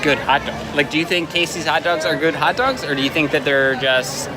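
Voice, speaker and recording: A man's voice: a little high, brisk. A man co-hosting a casual, conversational food review, often restarting his sentences as he gives his opinion. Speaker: co-host of a food review show. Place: outdoors in a busy theme park. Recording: busy outdoor crowd, music behind.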